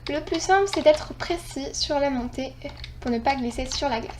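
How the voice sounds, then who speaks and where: A woman hosting a gaming channel, chatting casually through her gameplay, excitable and rambling, often correcting herself. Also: high voice, moderate pace, slight background noise.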